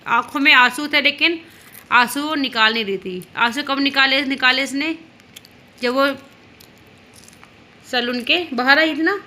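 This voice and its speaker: Young mom vlogger, high and very bright voice, chatty and teasing, recorded at home. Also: female voice, unhurried, long pauses. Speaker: vlogger and mother. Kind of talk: casual home vlog chat.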